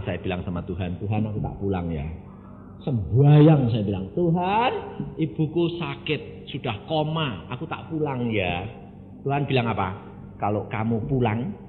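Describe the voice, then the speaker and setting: An older man with a Javanese accent, an evangelist telling a story in a sermon, swinging between loud exclamations and low asides. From Indonesia (Jepara, Central Java). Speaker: evangelist preacher. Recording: phone-like narrow sound in a reverberant hall with faint hiss.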